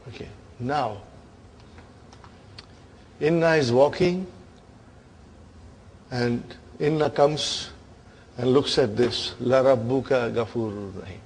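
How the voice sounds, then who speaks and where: A man's voice: mid-range voice, slow, long pauses, darkish tone, slight background noise. A man teaching an Arabic grammar lesson, engaging his class with frequent check-in questions and addressing them as brothers and sisters.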